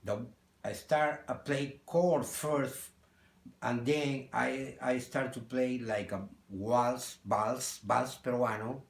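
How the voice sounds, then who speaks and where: A man from Peru with a Spanish accent, a guitarist answering interview questions in halting English. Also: mid-range voice, fairly even intonation, creaky, roomy sound. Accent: Peruvian Spanish. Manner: halting, searching for English words. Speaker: guest guitarist. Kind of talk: interview conversation.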